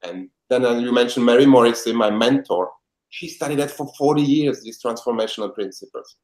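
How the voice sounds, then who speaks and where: A man's voice: mid-range voice, a little fast, a little mellow. Earnest Czech-accented man, roomy sound. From Czech Republic. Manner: earnest, heartfelt, with non-native grammar. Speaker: guest, life coach. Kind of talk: interview answers. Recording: echoey room sound.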